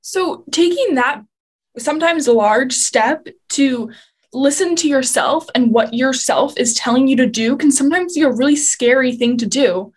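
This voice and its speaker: A woman interviewer asking a measured, earnest question. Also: sits high, lively intonation, breathy edge.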